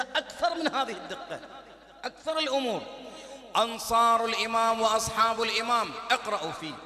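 A man preaching a sermon, dropping to hushed asides and rising to loud emphatic bursts. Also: high voice. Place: large hall. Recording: echoey hall reverb.

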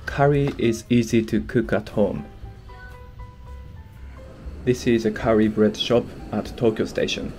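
A man's voice: lowish voice, unhurried, long pauses, dark tone, soft background music. A young Japanese man with a Japanese accent, hosting a casual food vlog and explaining things plainly in simple English as a non-native speaker. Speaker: vlog host.

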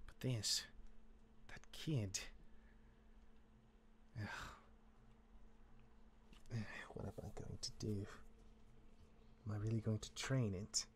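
This man plays a worn-out demigod older brother in Minecraft roleplay: gruff, grudgingly protective, his lines coming out halting and exasperated. The voice sits lowish, with a faint hiss or hum on the recording, and he mostly mutters wearily.

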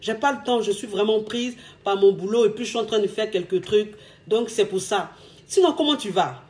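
A woman's voice: mid-range voice, moderate pace, a little mellow, voice pushed down, lightly acted. A woman acting out a carefree woman breezily answering a call from a distant partner. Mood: breezy. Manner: airy, offhand, dismissive.

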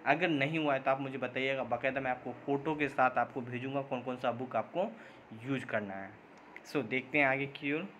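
A man's voice: mid-range voice, a bit bright, slight background noise, poor audio. A man hosting a job-update channel, answering viewer comments in a casual vlog, rambling with many filler sounds and restarts and mixing English words in. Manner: admits he sometimes talks too fast.

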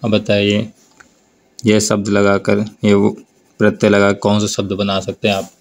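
A man with a fairly low voice teaches a grammar class for board exams at a slow, deliberate pace. He draws out the example words and keeps prompting the students to look and answer. His accent is North Indian Hindi. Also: completely flat delivery. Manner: slow, drawn-out explanation with repeated prompts to look. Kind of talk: board exam grammar lesson.

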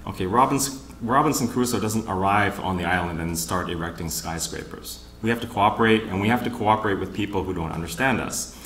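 A man moderating a panel at a conference, opening with wry, teasing jokes and pausing for laughs. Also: low-pitched, fairly bright tone, roomy sound, a little hiss or hum. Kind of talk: joking conference emcee remarks. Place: conference hall with live audience.

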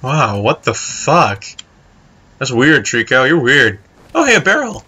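A man's voice: mid-range voice, sing-song, measured pace, pushed and bright, a little hiss or hum. A man giving casual, chatty commentary while playing a video game, swearing freely and talking to the game character. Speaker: let's play host.

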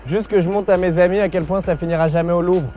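Un humoriste qui joue un sketch en lançant des remarques grossières et provocantes aux passants. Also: male voice, high voice, steady tone, quick pace, mellow, faint music behind. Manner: crude, insulting, provocative. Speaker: comedian. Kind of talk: comedy sketch.

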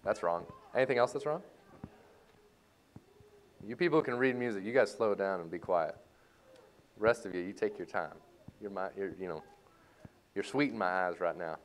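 A man leading a church music lesson for a class, joking and playful as he explains reading music and warming up voices. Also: deep voice, normal speed, pauses often. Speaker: music teacher. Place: church hall.

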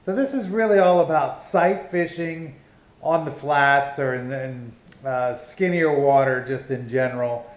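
A man's voice: mid-range voice, measured pace. A middle-aged man talks through fishing basics at home, loose and folksy, often going back over his own words and poking fun at himself. His voice is picked up by a small camera close in front of him in a living room. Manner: rambling, folksy, self-deprecating. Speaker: fishing channel host. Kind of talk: casual instructional talk.

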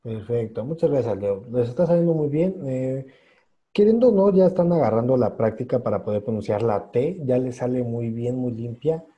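A man's voice: mid-range voice, lively intonation, normal speed, highs cut off. A man teaching English pronunciation in an online class, patiently drilling sounds and encouraging students.

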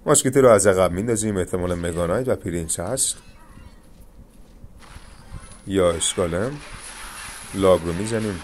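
Young male gaming creator, deep voice, calm coaching play-by-play, faint hiss behind. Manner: calm, coaching, addresses viewers as "guys". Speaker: gaming YouTuber. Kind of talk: live gameplay commentary.

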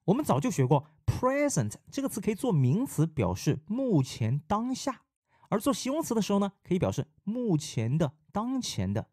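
A man from China teaching an English vocabulary lesson in a lively, explanatory way, mixing in English example sentences. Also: high voice, moderate pace, no room sound, clean studio sound.

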